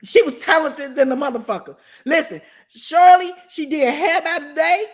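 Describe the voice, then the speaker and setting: High-voiced woman telling a wild story. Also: moderate pace. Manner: profane, animated, frequent laughter; keeps asking "you know what I'm saying". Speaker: guest storyteller. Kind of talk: casual storytelling.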